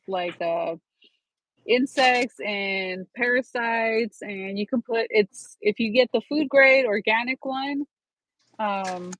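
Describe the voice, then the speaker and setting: A woman's voice: a little high, a bit bright, rough recording. A woman hosting a casual live-stream chat, talking in a rambling way with frequent restarts. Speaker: channel host.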